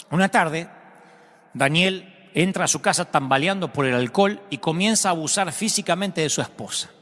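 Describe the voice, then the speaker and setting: A man preaching a storytelling sermon, impassioned, swinging from dramatic rises to hushed drops. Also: fairly high pitch. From Argentina. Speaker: pastor. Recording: long reverb of a large hall.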